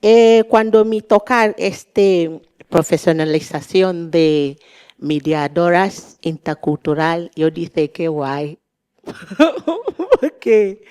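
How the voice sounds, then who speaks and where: A Nigerian-accented woman giving an informal panel speech in halting, non-native Spanish, often searching for words. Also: fairly low pitch, warm tone, clear, resonant tone. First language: not Spanish. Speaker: panel speaker, activist.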